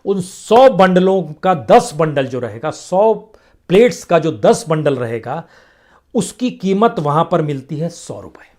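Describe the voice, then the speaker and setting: Middle-aged male news commentator, fairly high voice, emphatic, hammering home lists in a steady rhythm. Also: measured pace. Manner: emphatic, listing states in repeated rhythmic phrases.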